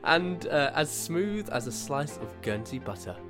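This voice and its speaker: A man's voice: on the high side, sing-song, unhurried, over music. A man hosting a podcast in a jokey, teasing conversational style. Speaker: podcast host. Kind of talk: casual chat and programme introductions.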